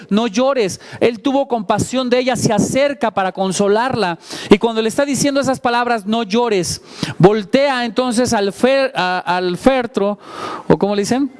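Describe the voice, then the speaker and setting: Speaking in a fairly high pitch, a pastor gives a sermon in a chatty manner. He poses questions to the congregation and pokes fun at his own stumbles.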